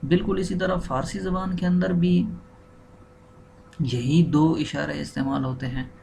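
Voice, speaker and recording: Slow gravelly male teacher. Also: on the high side, little pitch movement, darkish tone, slight background noise. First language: Urdu. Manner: patient, repeats and spells out words. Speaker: language teacher. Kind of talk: slow explanatory lesson.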